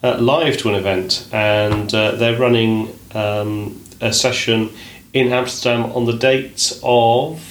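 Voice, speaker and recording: Podcast host guy, middling voice, says "indeed" a lot, low quality echoey hotel room audio. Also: fairly even intonation, slight background noise. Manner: measured, fond of saying "indeed", many "uh" and "um". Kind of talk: casual podcast chat.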